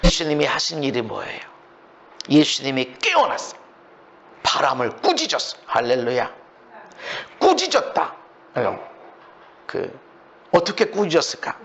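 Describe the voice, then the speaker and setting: A male pastor preaching a sermon with a Chungcheong accent, swinging between loud shouted questions and hushed near-whispers. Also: on the high side, wildly swooping pitch, unhurried, vocal fry, long pauses, lo-fi sound. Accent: Chungcheong Korean.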